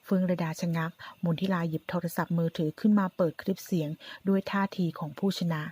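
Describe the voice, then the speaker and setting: Low, husky woman narrating a drama. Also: fairly even intonation, a little fast, a little mellow, dry recording.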